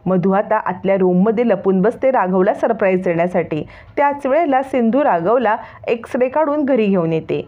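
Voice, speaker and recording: A woman narrating and retelling the plot of a serial in a steady storytelling manner. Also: mid-range voice, normal speed. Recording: tinny phone-like sound.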